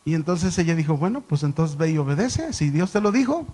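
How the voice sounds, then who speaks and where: A man's voice: a little high, expressive, fairly quick, dark tone. A middle-aged man, a pastor teaching a sermon and telling stories with questions to the congregation.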